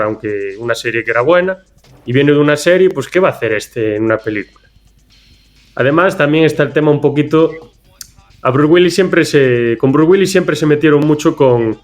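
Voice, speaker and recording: Man chatting about films. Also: a little high. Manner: rambling, anecdotal, frequent restarts. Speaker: film podcast host. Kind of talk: casual film discussion.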